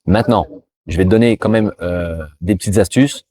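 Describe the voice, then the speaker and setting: A man's voice: sits low, normal speed, warm tone, dry recording. A man from France giving informal career advice straight to the viewer, often restarting and repeating words as he goes. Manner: talks directly to viewer, frequent restarts and repetitions. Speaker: career advice video host.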